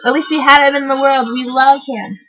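A teenage girl ranting and gushing in a casual vlog, rambling and excitable. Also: sits high, brisk, poor audio. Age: teens. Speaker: vlogger.

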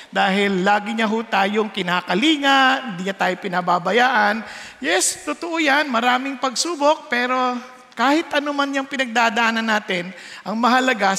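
Male pastor, high-pitched animated sermon delivery, church-hall echo. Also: gravelly. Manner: animated storytelling, mixing in English phrases. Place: church auditorium. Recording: reverb of a large church hall.

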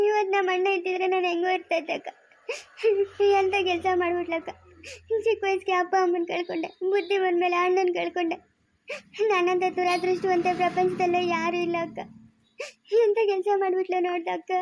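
A woman's voice: sits high, level tone, rapid-fire, no echo. A woman playing a grieving young village woman who has lost her family, pleading and sobbing in a family moral drama.

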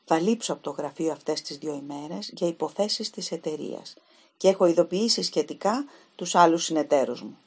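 A woman reading a hurried young businessman. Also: low voice, lively intonation, a little mellow, husky, full character voice. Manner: hurried, tender. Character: young male company director, hurried.

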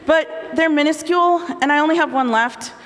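A woman's voice: sits high, fairly quick, a bit bright, big-room sound, pitched above the performer's own voice. A woman author reading the lines of a bold, flustered young princess in her own novel, with brash joking delivery.

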